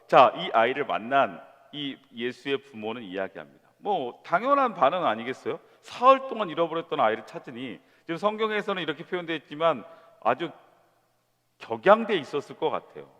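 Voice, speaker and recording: A man preaching a sermon to young adults, conversational and lively, with rhetorical questions and quoted voices. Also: a little high, a little fast. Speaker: pastor. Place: church sanctuary. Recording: long church hall reverb.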